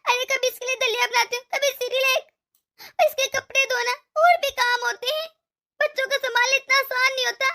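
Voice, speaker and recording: A woman's voice: very high-pitched, flat delivery, brisk, pushed and bright, exaggerated voice. A woman voicing a tired, grumbling older mother-in-law in a cartoon, weary and self-pitying. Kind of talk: cartoon dub voice acting.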